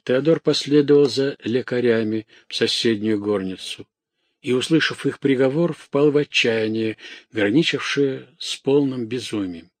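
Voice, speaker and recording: A man narrating a classic novel as an audiobook, reading in a dramatic, expressive way. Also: medium pitch, normal speed, no room sound.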